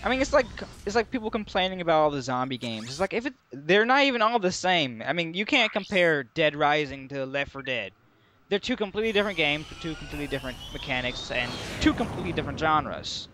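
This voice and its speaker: A young man chatting casually while commenting on a video game, rambling and excitable. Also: fairly high pitch, fast, slight background noise. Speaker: let's play commentator.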